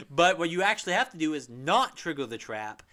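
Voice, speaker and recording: A man's voice: fairly high pitch, sing-song, fairly quick, sharp tone. A man co-hosting a podcast, chatting casually and animatedly retelling game scenes with laughter. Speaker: podcast co-host.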